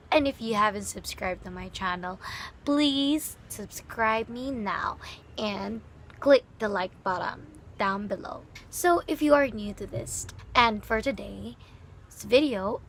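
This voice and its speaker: A young woman from the Philippines, whose first language is Bisaya, speaks English as a second language with a Filipino accent in a chatty, giggly student vlog talking to camera. Her voice is medium-pitched and fairly bright, with slight background noise.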